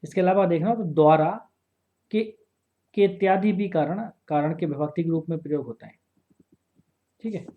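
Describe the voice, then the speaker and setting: A man teaching a grammar lesson for exam prep, slowly repeating phrases and often checking that listeners follow. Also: a little high, narrow, tinny audio.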